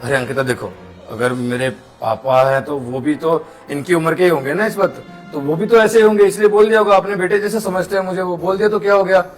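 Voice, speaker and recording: A kind young man, played by an actor, who speaks fast in a fairly high voice, pleading and calming others. Faint music plays under his lines in this melodramatic web skit. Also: lightly acted. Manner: pleading, soothing, talks quickly. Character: gentle, kind young man defending a servant.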